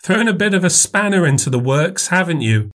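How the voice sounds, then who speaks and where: A man voicing a fussy, doting older mother, in a high put-on voice. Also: big pitch swings, brisk, a bit bright. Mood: fussing.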